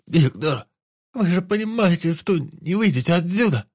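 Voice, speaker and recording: A frightened female scientist, held hostage yet refusing to give in, speaks in a pinched, nasal, strained voice, as a male narrator puts her on. Her voice sits well above his own, with a breathy rasp. The sound is dry and close. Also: high voice, animated, normal speed, darkish tone, no echo, pitched above the performer's own voice. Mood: pleading defiant.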